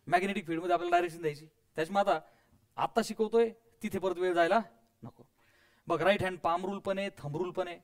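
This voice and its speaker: A man teaching physics to a classroom of students, coaxing and quizzing them, mixing English terms in and adding playful sound effects. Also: high voice.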